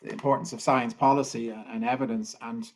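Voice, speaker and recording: A man's voice: medium pitch, fairly even intonation, brisk, a little mellow. A man moderating an online panel over a video call, friendly and informal, talking in a loose, rambling way. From Ireland.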